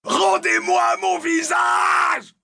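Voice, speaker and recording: A man's voice: a little high, expressive, measured pace, creaky, a bit bright, slightly rough, no echo, studio quality, voice pushed up, full character voice. A man voicing a panicked old professor in an audiobook, his voice strained, shrieking and broken. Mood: shrieking terror.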